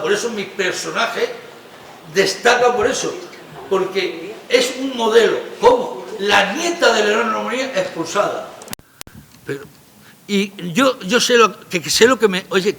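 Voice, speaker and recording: A man's voice: high voice, fairly bright tone, slight background noise. A man, a playwright talking about his play in a radio interview, emphatic and rambling in a colloquial way.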